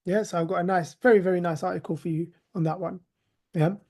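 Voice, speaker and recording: A man's voice: high voice, fairly even intonation, fast talker, a little mellow. A man teaching a live class in a conversational way, with sarcastic rhetorical asides. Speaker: teacher of hadith.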